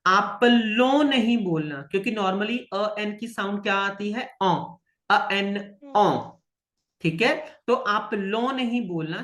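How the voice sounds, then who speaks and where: An Indian-accented man teaches French with patience. He speaks slowly, repeats each phrase and keeps checking that his students follow. The room around him has a noticeable echo. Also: high voice, fairly bright tone. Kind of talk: online French lesson.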